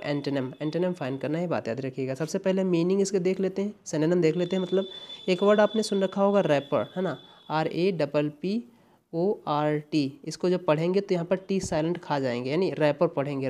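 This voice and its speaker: A woman's voice: sits low, mellow. A woman with an Indian accent teaching an exam-prep English lesson, explaining patiently and repeating words to check understanding.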